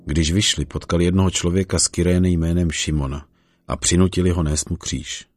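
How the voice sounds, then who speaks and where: Very deep husky man reading scripture. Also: fairly even intonation. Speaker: scripture reader.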